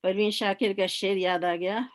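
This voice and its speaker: A woman's voice: medium pitch, steady tone, normal speed. A woman speaks in a reflective, nostalgic way about past poetry evenings. She quotes favorite verses between her memories. Her voice sits in a middle range for a woman. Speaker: guest at a poetry gathering. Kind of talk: reminiscing and quoting couplets.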